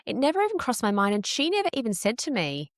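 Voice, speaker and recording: A woman in her late thirties telling her personal story as a podcast guest, candid and animated, swearing casually. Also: a little high, fast, dry recording, studio quality. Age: 30s.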